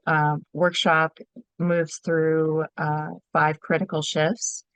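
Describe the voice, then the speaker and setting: A woman's voice: low voice, clear, resonant tone, no room sound, rough recording. A woman being interviewed as a coach, answering at length in an earnest, motivational way. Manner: earnest, motivational, speaks in listed phrases. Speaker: workshop leader and coach.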